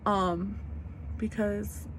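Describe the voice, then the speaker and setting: Woman, 20s, vlog rant, emphatic, repetitive, slangy, mid-pitched voice. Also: steady tone, very slow, slight background noise. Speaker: vlogger. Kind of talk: unscripted rant to camera.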